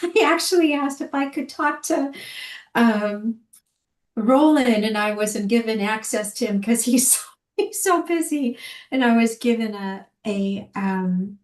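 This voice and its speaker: A woman's voice: medium pitch, darkish tone, reverberant. A woman calling in to a video call, asking a question in a rambling, hesitant way with many ums.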